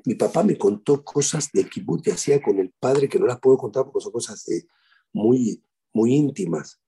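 A man's voice: medium pitch, moderate pace, creaky, dark tone, slight background noise. A middle-aged man with an Argentine Spanish accent, a rabbi giving a eulogy sermon and telling stories with animation, repeating key phrases.

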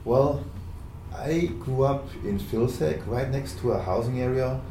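A man, co-hosting a podcast as a public affairs officer and speaking in a calm, low-key way. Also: measured pace. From Germany. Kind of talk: podcast interview. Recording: roomy, distant mic, faint background noise.

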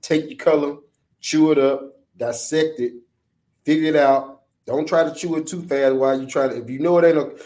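A man's voice: on the high side, fairly even intonation, normal speed, mellow. An American man on a casual comic rant, swearing freely and talking in playful slang. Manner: profane, slangy, playful ranting. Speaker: co-host of a vlog.

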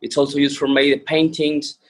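Husky guy, bit high pitched, explaining in an interview with phrasing. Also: level tone, fairly quick. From Mexico. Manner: non-native English phrasing. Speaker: interview guest, entrepreneur.

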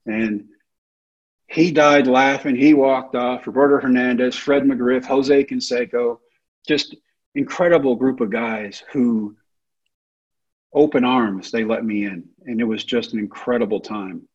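A man's voice: medium pitch, fairly even intonation, measured pace, slightly rough. A man giving a talk, telling a personal story in a vivid, self-deprecating way. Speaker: guest speaker. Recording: dull lo-fi recording.

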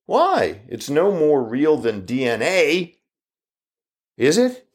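A man in his fifties giving an argumentative opinion monologue full of rhetorical questions, his pitch jumping up as he challenges the listener. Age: 50s.

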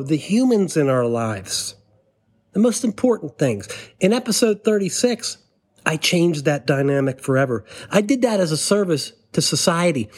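Sarcastic man hosting a comedy monologue. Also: fairly high pitch. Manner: mock-serious, sarcastic, addressing a letter writer. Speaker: comedy podcast host. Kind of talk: satirical monologue.

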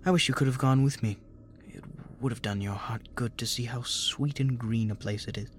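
A woman reading aloud, voicing a gentle, grieving father with a lowered, soft voice. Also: normal speed, slight background noise. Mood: sorrowful. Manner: soft, low, sorrowful. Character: grieving middle-aged father, gentle clerk.

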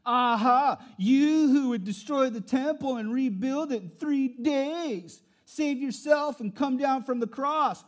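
Brief: man doing a high, loud, sneering male mocker with slow drawn-out taunts. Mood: taunting. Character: jeering male onlooker mocking a crucified man.

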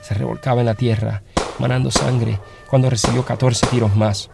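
A man reading a story aloud as narrator, in a steady, dramatic storytelling manner. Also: medium pitch, moderate pace, vocal fry, over loud music.

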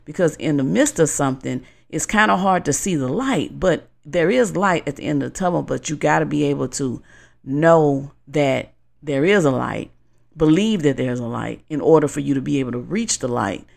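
A woman's voice: low voice, lively intonation, normal speed, creaky. A woman co-hosting a podcast, talking in a conversational, reflective and explanatory way about faith and motivation. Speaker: podcast co-host.

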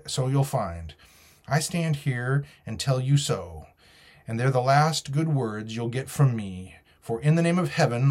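A man's voice: mid-range voice, darkish tone. A man voicing a stern, defiant ship's captain with clipped, emphatic, formal speech in a storybook reading.

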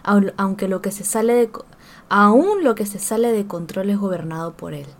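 A woman's voice: medium pitch, expressive, moderate pace. Female co-host, casual Bible study chat, reads verses then shares notes, laughs easily. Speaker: podcast co-host.

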